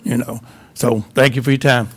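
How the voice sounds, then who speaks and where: A man's voice: mid-range voice, flat delivery, moderate pace, very noisy. A man giving a blunt, folksy, aggrieved comment at a council hearing. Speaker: resident speaking at public hearing. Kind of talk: plain-spoken public comment. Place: city council chambers.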